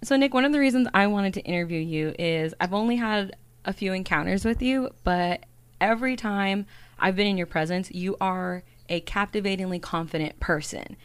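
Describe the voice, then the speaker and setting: A woman's voice: mid-range voice, moderate pace, clean tone. A woman hosting a podcast, upbeat and chatty, who laughs easily as she interviews a guest. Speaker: podcast host.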